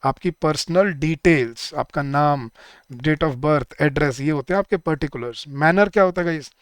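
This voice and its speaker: A man's voice: a little high, unhurried, clean tone, dry recording, studio quality. A man with an Indian accent teaching English grammar in an online exam-prep lecture. He mixes Hindi with English example sentences and keeps asking the class questions that he then answers himself.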